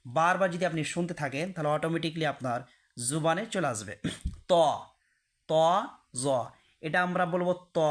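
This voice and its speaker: A man teaching Arabic letters, repeating each sound slowly and deliberately for learners to follow. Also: a little high, fairly bright tone. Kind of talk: slow pronunciation lesson.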